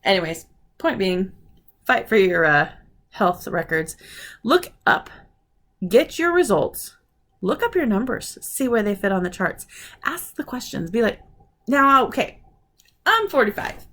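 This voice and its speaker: A woman's voice: medium pitch, unhurried, long pauses. Ranting woman in her forties. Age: 40s. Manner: animated storytelling, acting out quoted conversations; frustrated, ranting. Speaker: vlogger. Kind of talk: casual chat.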